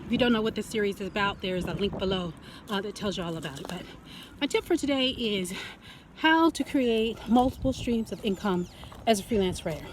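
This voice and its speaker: A woman's voice: mid-range voice, brisk. An American woman, out of breath from walking, gives casual advice as a video host while speaking through a face mask. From United States. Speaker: host of a writing-tips video series. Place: outdoors, walking. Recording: outdoor traffic and street noise.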